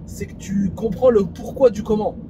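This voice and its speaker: A man with a high-pitched voice chats casually. He speaks French suburban street slang sprinkled with Arabic religious interjections. The recording is clearly noisy, with vehicle sound behind him. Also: steady tone, normal speed. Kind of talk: casual chat.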